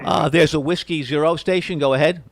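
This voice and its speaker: A man's voice: fairly high pitch, steady tone, fairly quick, background noise. A courteous, hesitant man operating an amateur radio station, spelling out call signs in phonetics.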